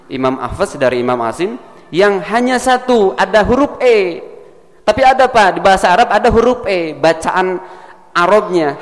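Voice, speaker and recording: A man with a Sundanese accent gives a relaxed teaching talk to a congregation and keeps turning to his listeners as he explains. His voice sits a little high for a man. It rings out with a long reverb, as in a large hall. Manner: didactic, chatty, addresses the congregation as Pak and Bu, demonstrates pronunciation. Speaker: preacher. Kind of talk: mosque lecture mixing Indonesian and Sundanese.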